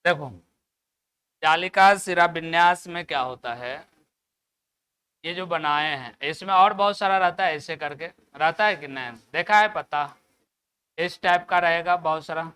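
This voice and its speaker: A man with a Bihari Hindi accent lectures a class in a high, bright, clear voice. He asks the students question after question and answers them himself. He tags his points with "है ना" to check that they follow. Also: a little slow, long pauses. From Bihar, India. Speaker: teacher.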